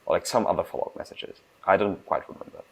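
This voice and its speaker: A young man from Germany, a startup founder giving casual interview answers, talking fast with restarts and emphasis. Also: deep voice, breathy edge, low-quality recording. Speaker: guest, food startup founder.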